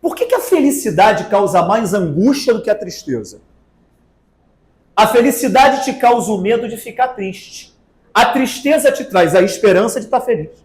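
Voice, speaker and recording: A man's voice: sits high, lively intonation, moderate pace. A man with a Brazilian accent giving a spiritist talk to an audience, asking rhetorical questions and drawing out words for emphasis. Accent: Brazilian Portuguese. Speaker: spiritist lecturer. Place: spiritist center meeting hall. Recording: echoey hall.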